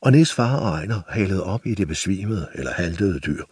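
A man with a husky voice narrating a children's audiobook with expressive storytelling. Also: deep voice, dry recording, studio quality.

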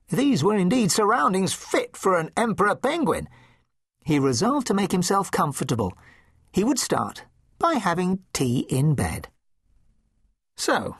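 A man narrating a children's storybook in an expressive, playful way. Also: on the high side, husky, no echo, clean studio sound. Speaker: audiobook narrator.

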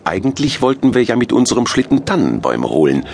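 A man's voice: mid-range voice, big pitch swings, fast talker, vocal fry, darkish tone, a little hiss or hum, pitched above the performer's own voice. A man voicing a thin, cheerful Santa Claus who explains things eagerly in a children's storybook.

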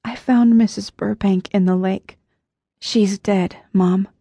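A woman voicing a kind, earnest young woman who runs a pie shop and speaks softly. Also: medium pitch, steady tone, slow pace, husky, no echo, studio quality.

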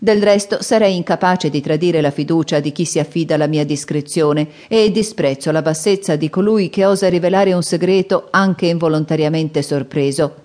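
Woman narrator as a young outlaw man, earnest, affectionate, mellow tone. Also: low-pitched, normal speed, hardly any pauses, lightly acted.

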